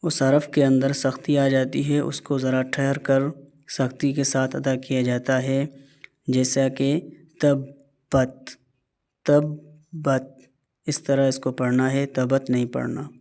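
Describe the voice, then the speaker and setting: A man teaching Tajweed, explaining each mistake patiently, repeating corrections, and reciting verses slowly and carefully. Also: mid-range voice, completely flat delivery, a little mellow. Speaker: Quran teacher. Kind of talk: Tajweed lesson.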